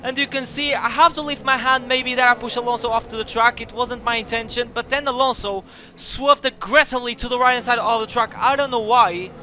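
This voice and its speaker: Young male gaming commentator, very high pitched, energetic and jokey, shouts at big moments. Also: fairly quick, slight background noise. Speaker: gaming YouTuber. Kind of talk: excited racing game commentary.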